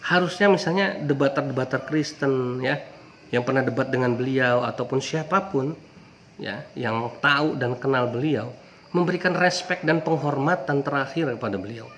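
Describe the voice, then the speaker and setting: A man's voice: medium pitch, normal speed, fairly bright tone, a little hiss or hum. A man with an Indonesian accent giving an informal religious talk, conversational, often adding "ya" to his points and lifting his voice on key words. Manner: conversational, frequent "ya" and "gitu ya" tags, rising emphasis on key words. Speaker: Islamic preacher.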